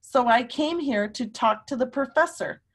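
A woman voicing a loyal, earnest male friend in a children's storybook, with measured delivery. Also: high-pitched, expressive. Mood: concerned, explaining. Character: loyal male friend, the man with the yellow hat.

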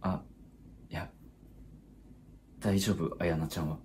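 Sketch role: actor as a very low, husky-voiced, hesitant office worker in his thirties. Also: fairly even intonation, slow pace, darkish tone, full character voice. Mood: meek. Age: 30s. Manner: hesitant, timid, awkward. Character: meek awkward salaryman in his thirties. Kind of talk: comedy sketch dialogue.

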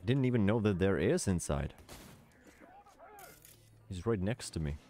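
A young man streams a video game and chats casually with viewers. His voice sits very deep, and his talk is relaxed and loose. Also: unhurried. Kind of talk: casual live-stream commentary.

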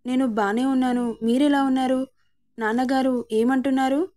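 A woman's voice: sits high, steady tone, moderate pace, close to an everyday voice. A woman voicing a sweet young bride. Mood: anxious. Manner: soft and coaxing, sometimes tearful.

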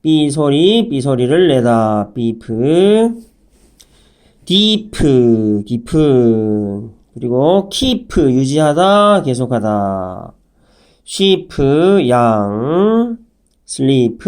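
A man teaching English phonics in a slow, clear vocabulary lesson, spelling words out letter by letter and dropping the odd pun. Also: mid-range voice, sing-song, a little mellow.

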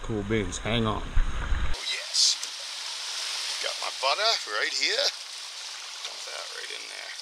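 A man, talking to an action camera on a tripod as he cooks on a rocky shore. His voice is gravelly and his pace unhurried. Loud outdoor noise sits under the whole recording. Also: medium pitch. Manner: slow, relaxed, talking to the camera while cooking. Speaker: outdoor vlogger. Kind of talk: casual outdoor cooking vlog.

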